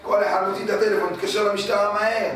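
High-voiced man telling a parable, very echoey. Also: a little hiss or hum. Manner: lively storyteller, repeats words for effect. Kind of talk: religious storytelling sermon. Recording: very echoey room from a distant mic.

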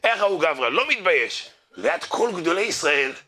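A man's voice: on the high side, slight background noise. A man giving a humorous religious lecture to an audience, telling stories, acting out the people in them and urging his listeners to pay attention. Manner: lively storyteller who acts out others' voices and jokes; addresses the crowd directly, urging them to listen. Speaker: rabbi giving a Torah class.

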